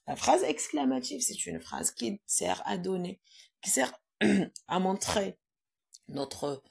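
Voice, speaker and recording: A woman's voice: mid-range voice, vocal fry, slightly rough. A woman teaching a grammar lesson in a classroom, quizzing her pupils and repeating their answers.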